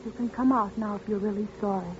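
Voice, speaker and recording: A woman's voice: medium pitch, steady tone, fast talker, natural voice. A woman playing a stern, wary child in a 1940s radio suspense play. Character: stern, wary child who distrusts adults. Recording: dull, faintly noisy 1940s radio recording.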